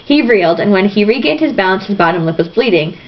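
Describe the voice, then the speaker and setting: Reading a novel in a loose, theatrical, irreverent way with asides, this woman talks fast and animatedly in a medium-pitched voice. The home recording sounds dull and lo-fi, with faint noise.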